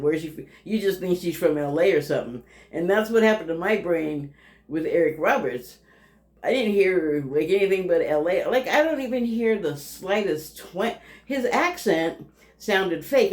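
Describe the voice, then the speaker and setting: A woman's voice: sits low, a little mellow. A woman giving a casual, rambling TV review monologue, laughing often and trailing off into fillers. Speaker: TV critic. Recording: roomy echo.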